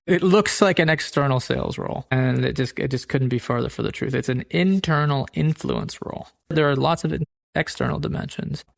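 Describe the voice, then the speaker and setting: A man's voice: a little high, creaky. A man hosting his own podcast, talking through business advice in a conversational way with examples and occasional restarts. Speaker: podcast host. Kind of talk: solo business podcast talk.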